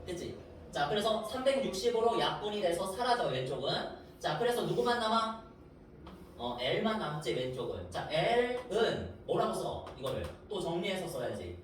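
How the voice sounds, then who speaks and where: A man's voice: sits high, sing-song, normal speed. A man teaching a middle-school math class, talking the students through steps and checking they follow with short questions. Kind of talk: whiteboard math lesson. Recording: roomy, distant mic, faint noise.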